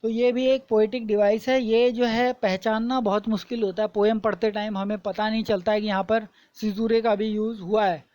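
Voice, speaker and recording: A woman teaching a lesson, explaining terms patiently, repeating points and reading examples slowly and deliberately. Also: medium pitch, flat delivery, a little mellow, dry recording, low-quality recording.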